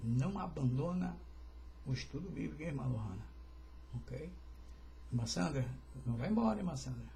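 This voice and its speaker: A man's voice: mid-range voice, expressive, moderate pace, gravelly, pauses often, dark tone. A man, a pastor, teaching an informal livestreamed Bible study in a chatty way, with joking asides and greetings to viewers.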